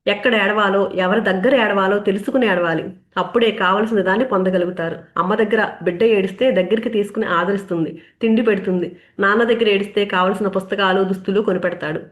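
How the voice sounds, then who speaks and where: Earnest woman giving a devotional talk. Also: mid-range voice. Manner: earnest, rhetorical, list-like delivery. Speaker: spiritual speaker.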